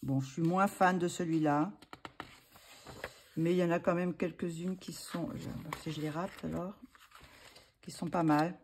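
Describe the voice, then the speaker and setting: Lady flipping thru coloring books, low mellow voice, lots of euhs, bit of hiss behind. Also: steady tone, measured pace, long pauses. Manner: hesitant, many fillers and restarts, thinking aloud. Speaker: vlogger showing coloring books. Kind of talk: casual chat.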